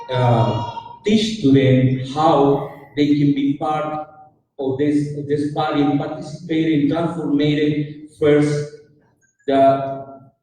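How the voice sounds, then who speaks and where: Man, slow flat delivery, dark voice, echoey hall, far off. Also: fairly high pitch, slight background noise. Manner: slow, hesitant, halting. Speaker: public commenter. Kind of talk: public comment at a meeting.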